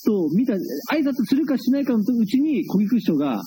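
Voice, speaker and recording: A man who is a rakugo storyteller, co-hosting a casual chat and telling stories in a blunt, rough-spoken way. He was recorded outdoors. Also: very high-pitched, very animated, normal speed, dark tone, low-quality recording. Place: outdoors, with cicadas in the background.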